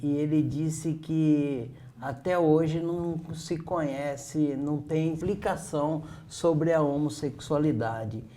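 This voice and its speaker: Measured Brazilian male talk show host. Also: fairly high pitch, mellow. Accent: Brazilian Portuguese. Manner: measured, formal questioning. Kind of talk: scripted intro and interview questions.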